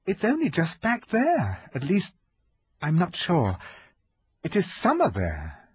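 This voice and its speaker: Young girl, curious and polite, raised husky voice, lo-fi dull sound, man voicing. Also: on the high side, wildly swooping pitch, slow pace, no room sound, pitched above the performer's own voice, full character voice. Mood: earnest. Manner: plain, earnest, a little puzzled. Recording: dull lo-fi dry recording.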